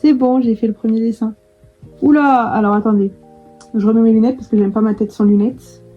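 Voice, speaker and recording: A woman's voice: fairly high pitch, fairly even intonation, fairly quick, phone-quality sound, soft background music. A young woman chatting casually to camera in a vlog, full of fillers and restarts. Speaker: vlogger.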